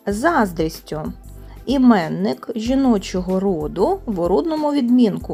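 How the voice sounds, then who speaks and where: A woman teacher walking through exam tasks, slowly stressing each example word as she explains. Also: medium pitch, creaky, warm tone, husky. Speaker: language teacher. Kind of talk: exam prep lesson.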